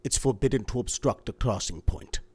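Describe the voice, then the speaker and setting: A man's voice: mid-range voice, a little fast, a little mellow, husky, voice pushed up, lightly acted. A man reading aloud voices a stern male border policeman with an officious manner.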